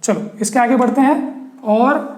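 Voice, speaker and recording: A man's voice: extremely high pitch, unhurried, a little mellow, reverberant. A male teacher giving a lesson, who keeps asking his students questions and repeats key words as he explains step by step. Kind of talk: online classroom lesson.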